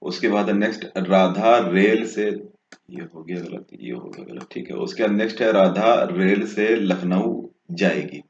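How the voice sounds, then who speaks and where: A man's voice: deep voice, lively intonation, unhurried, creaky. A man working through exam questions as a tutor, going step by step and often checking in with a short "okay". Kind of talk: exam answer walkthrough. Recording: dull, echoey room sound.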